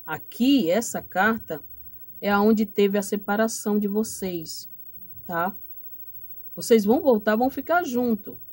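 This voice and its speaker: A woman's voice: medium pitch, animated, measured pace, darkish tone. Brazilian woman, tarot reader on camera, affectionate and motherly, repeats herself, preachy and full of blessings. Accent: Brazilian Portuguese. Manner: affectionate, repetitive, ends phrases with "tá?". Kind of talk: direct-to-camera tarot reading.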